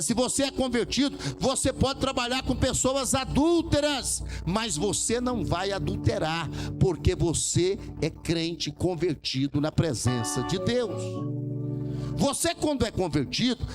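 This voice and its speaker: A man preaching, his voice pitched high for a male speaker. He drives each point home emphatically and calls for amens. Music plays clearly under the sermon. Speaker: pastor.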